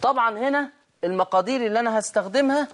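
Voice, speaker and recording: A man with an Egyptian accent teaching the basics of Quran recitation in a lesson. He explains step by step and often asks whether his listeners follow. He stretches out verses in a slow chant to show each rule. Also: extremely high pitch, a bit bright. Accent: Egyptian Arabic. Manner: repeatedly asks "right?" to check understanding. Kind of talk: online tajweed lesson.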